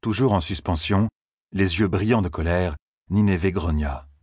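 A man narrating an audiobook in a measured, even storytelling manner. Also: sits low, breathy edge, no echo, clean studio sound.

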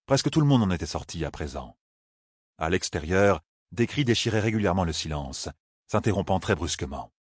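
Husky, low-voiced male narrator. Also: a little fast, dry recording, studio quality. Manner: lively, expressive reading. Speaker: audiobook narrator. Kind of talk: scripted fantasy narration.

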